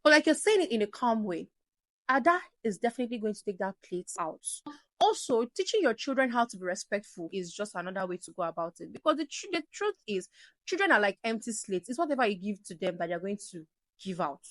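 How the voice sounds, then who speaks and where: A woman hosting a parenting advice show, answering viewer questions in an animated way and acting out shouting parents. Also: mid-range voice, fast talker, no room sound. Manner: animated, acts out shouting parents, drops to soft emphasis.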